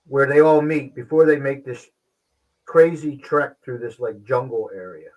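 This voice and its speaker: A man hosting a casual livestream show, talking with frequent pauses and restarts. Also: mid-range voice, a little mellow, low-quality recording. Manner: halting, pauses and restarts often. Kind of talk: casual live-stream talk.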